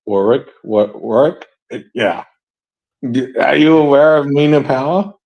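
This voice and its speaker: A man's voice: mid-range voice, measured pace, gravelly, dull audio. A man hosting a casual podcast chat, rambling and hesitant with many fillers and frequent laughs. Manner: laughs often. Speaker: podcast host.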